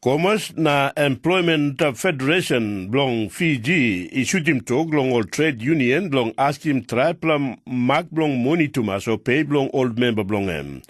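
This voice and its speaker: A man reads the news in Papua New Guinea pidgin with a Papua New Guinean accent. His mid-pitched voice follows a script, in a dry, close studio sound. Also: lively intonation, unhurried, few pauses, no room sound. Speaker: radio news reader.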